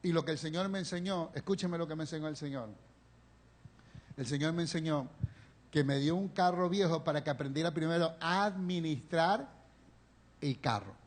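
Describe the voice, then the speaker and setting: A male pastor preaching a sermon, telling a personal story with feeling and swinging between loud pleading and hushed confession. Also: fairly high pitch, normal speed, pauses often. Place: church sanctuary, live stream.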